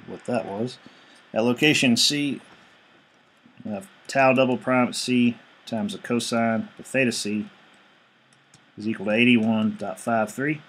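A man's voice: medium pitch, steady tone, a little slow, pauses often, a bit bright, husky. A male engineering instructor giving a screencast lecture, explaining each step evenly and reading out numbers as he works.

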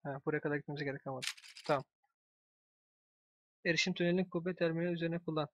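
A young man giving casual let's-play commentary, excitable, talking to himself and swearing at the game. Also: a little high, racing, no echo. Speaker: gameplay commentator. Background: game music.

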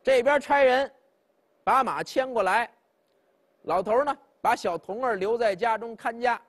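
Casting: male traditional storyteller, chatty and direct with listeners, high husky voice, unhurried. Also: fairly bright tone. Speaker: pingshu storyteller.

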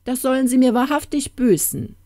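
A woman's voice: lowish voice, very animated, moderate pace, warm tone, dry recording. A vain, stubborn old king, voiced by a woman narrator speaks with haughty scorn. His lines come firm and a little raised in this storybook reading. The recording is dry and close. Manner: haughty, scolding.

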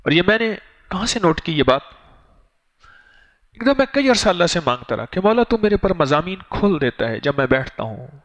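A man giving a sermon, with storytelling passages and slow, chanted litanies. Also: fairly high pitch, dull audio. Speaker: religious teacher.

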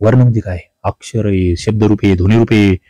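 A male teacher giving an exam-prep grammar lesson, fast, chatty and teasing. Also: on the low side, fairly even intonation, dark tone, no room sound. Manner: fast, chatty and teasing, calls students brother and sister.

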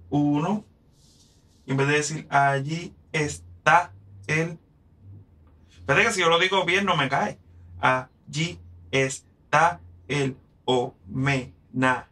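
A man's voice: a little high, vocal fry, bright, forceful tone. A man from Puerto Rico with a Puerto Rican accent, teaching a poetry lesson, patiently explaining and counting syllables aloud. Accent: Puerto Rican Spanish.

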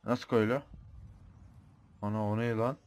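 A man's voice: on the low side, steady tone, measured pace, darkish tone, clean tone. A young man with a Turkish accent giving casual commentary on his own gameplay, chatty and thinking aloud, muttering the odd mild swear. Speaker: gamer.

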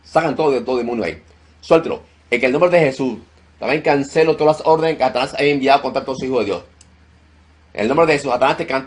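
A male preacher with a husky, slightly worn voice at an ordinary male pitch. He leads a deliverance prayer, repeating short, forceful commands at full volume. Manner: commanding, shouts rebukes loudly. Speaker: pastor.

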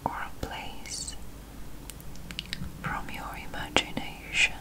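A woman guiding an ASMR relaxation hypnosis in a whisper, with a slow, soothing hypnotist delivery and long pauses. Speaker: hypnosis guide.

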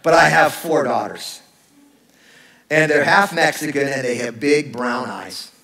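Man, middle-aged, pastor, lively joking sermon, bright voice, roomy church echo. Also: medium pitch, unhurried, vocal fry. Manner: animated, joking, acts out sarcastic voices. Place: church sanctuary.

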